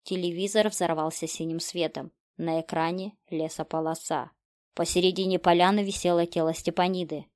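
A woman's voice: lowish voice, steady tone, normal speed, darkish tone, no room sound, studio quality. A woman narrating a horror story in terse, clipped, grim sentences.

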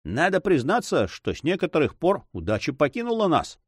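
A man voicing an excitable, easily discouraged male sailor who complains and exclaims. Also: a little high, a little fast, husky, dry recording, clean studio sound, voice pushed up, full character voice.

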